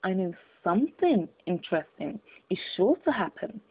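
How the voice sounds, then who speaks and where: A woman's voice: medium pitch, sing-song, moderate pace, breathy edge. A woman voicing a curious, polite young girl in a storybook reading, earnestly talking to herself. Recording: tinny phone-like audio.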